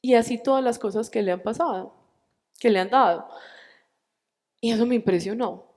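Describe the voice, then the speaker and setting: A woman in her forties with a Colombian accent, telling a personal faith testimony at a church retreat, animated and acting out the dialogue. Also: on the high side, normal speed, long reverb tail. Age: 40s.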